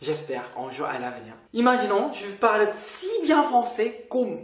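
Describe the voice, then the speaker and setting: A man's voice: high voice, big pitch swings, normal speed, crowd noise. Korean-accented man teaching, roomy sound. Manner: chatty, playful, with little laughs. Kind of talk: casual language lesson. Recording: roomy with faint noise.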